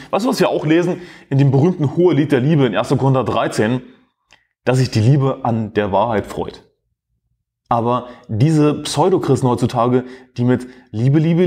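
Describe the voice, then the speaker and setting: A man's voice: mid-range voice, warm tone. A man teaching on a Bible passage, arguing emphatically and asking rhetorical questions.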